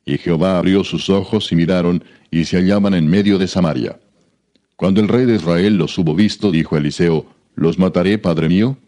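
Deep, mellow man reading scripture. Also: moderate pace. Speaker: Bible reader.

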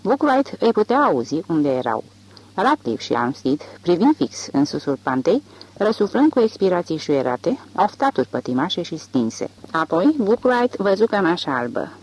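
Measured audiobook narrator, literary fiction, mid pitch, very lively intonation. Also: husky, rough recording.

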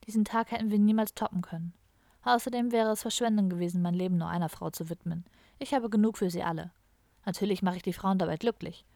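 A woman's voice: mid-range voice, creaky, a little mellow, no room sound, clean studio sound, lightly acted. A woman voicing a cheerful, idealistic young hippie man who rambles on in a chatty, dreamy way. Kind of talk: audiobook character voice.

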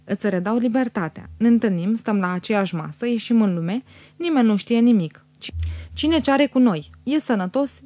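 A woman's voice: medium pitch, warm tone, no echo, close to an everyday voice. A woman reading an audiobook, voicing a scheming young husband who pleads theatrically and pities himself. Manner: theatrical, self-pitying, wheedling. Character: fawning scheming young married man.

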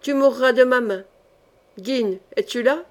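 A woman's voice: fairly high pitch, measured pace, lightly acted. A woman voicing a vengeful phantom voice. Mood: menacing. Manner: menacing shouts. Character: vengeful phantom voice crying out from the dark.

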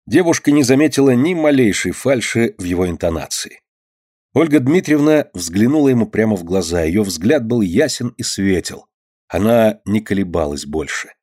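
A man narrating a classic novel in a measured, even storytelling voice. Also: lowish voice. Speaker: audiobook narrator. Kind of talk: literary audiobook narration.

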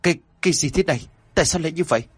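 A man's voice: medium pitch, animated, fairly quick, slightly rough, no echo. A man voicing an older male village chief who stammers in fear and confesses his fault remorsefully in an audio story. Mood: panicked.

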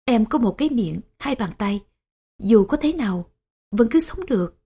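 A woman voicing a young widowed daughter-in-law who speaks calmly and gently. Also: fairly high pitch, moderate pace, breathy edge. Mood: calm, sad. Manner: calm, quiet, gentle.

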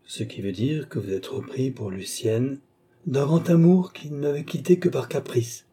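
A man voicing a sharp-witted countess in an audiobook, ironic and needling. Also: medium pitch, normal speed, slightly rough, voice pushed up. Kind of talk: audiobook character voice.

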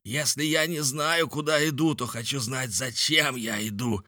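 A man voicing a quarrelsome, contrary male captain who shouts argumentatively in an audiobook. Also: mid-range voice, steady tone, moderate pace, no echo, studio quality, voice pushed up, close to an everyday voice. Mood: defiant.

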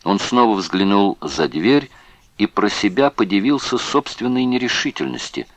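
A man narrates an audiobook in a grave, measured way. His voice sits very low. The recording is dry and close, with no room sound. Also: very animated, a bit bright, no echo. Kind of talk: scripted narration.

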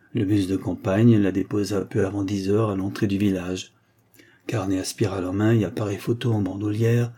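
Man, audiobook narration, measured, low voice, husky tone. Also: mellow. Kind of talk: scripted narration.

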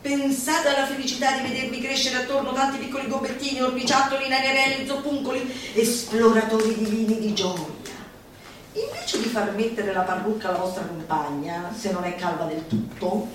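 A woman performer on stage recites a satirical manifesto theatrically, declaiming and exhorting with mock-solemn emphasis. Her voice is a little high and steady, at normal speed. The recording has a very echoey room, a distant mic, and faint noise.

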